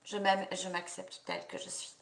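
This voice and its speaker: A woman practitioner leading a guided EFT tapping session, repeating slow affirmations and coaching listeners between phrases. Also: on the low side, big pitch swings, reverberant.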